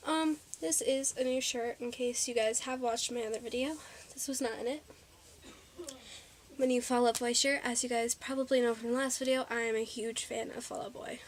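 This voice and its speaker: A woman's voice: on the high side, steady tone, moderate pace, a little hiss or hum. A teenage girl chatting in a casual haul vlog, bubbly and a little out of breath, with lots of ums and likes. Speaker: vlogger.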